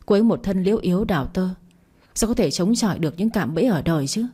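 An anxious young husband in a read-aloud drama, voiced by a woman. he speaks in a low, mellow voice, worried and pleading. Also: animated, fast, slightly rough.

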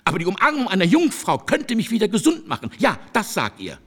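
A man's voice: sits high, wildly swooping pitch, fast talker, a bit bright, husky, voice pushed up, exaggerated voice. A man reading the part of an aging, bitter and passionate male seducer in an audiobook, declaiming and insistent.

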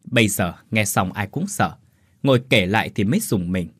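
A man narrating a ghost story in an expressive, dramatic way. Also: lowish voice, normal speed, breathy edge, no echo, studio quality.

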